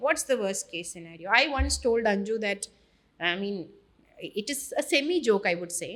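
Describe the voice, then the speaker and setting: A woman from Kerala in her thirties, speaking with a Malayali accent as a podcast guest, animated and emphatic as she switches between Malayalam and English. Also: mid-range voice, drawn-out words. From Kerala, India. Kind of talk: casual podcast interview mixing Malayalam and English.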